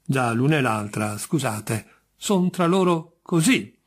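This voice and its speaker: A man's voice: medium pitch, lively intonation, slow, husky. Patient, puzzled judge, voiced by a man reading. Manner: patient, mildly coaxing. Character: patient, bemused middle-aged male judge.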